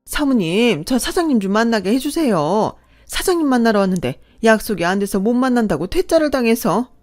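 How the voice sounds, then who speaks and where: A woman's voice: fairly high pitch, big pitch swings, fairly quick, a little mellow, a little hiss or hum. A woman voicing a haughty, rude middle-aged woman who sneers with open contempt in a radio story reading. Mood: sneering.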